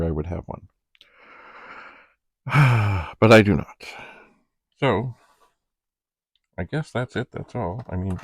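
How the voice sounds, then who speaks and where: A man hosting a video chats casually through an unboxing, rambling and thinking aloud as he shows an item. His voice is lowish and creaky, with no room sound.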